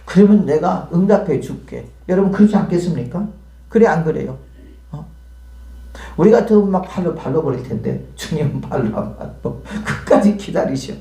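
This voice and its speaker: A man's voice: on the high side, animated, brisk, vocal fry, mellow. A man preaching a sermon as pastor, talking conversationally and peppering the congregation with questions. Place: church hall. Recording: echoey church hall.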